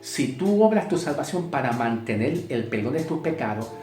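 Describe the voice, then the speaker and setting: A man's voice: medium pitch, sing-song, normal speed, darkish tone. A man teaching a Bible sermon, emphatic, repeating key words and asking rhetorical questions. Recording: echoey room with guitar music. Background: guitar music.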